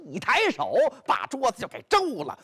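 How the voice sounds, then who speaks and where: A man performing traditional storytelling, animated and speaking directly to his listeners. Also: very high-pitched, normal speed, slightly rough. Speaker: pingshu storyteller.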